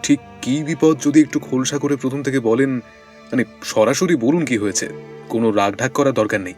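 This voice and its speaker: An actor playing a sharp detective who questions a client with measured, probing questions, with faint music behind. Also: male voice, medium pitch, lightly acted. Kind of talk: Bengali audio drama acting.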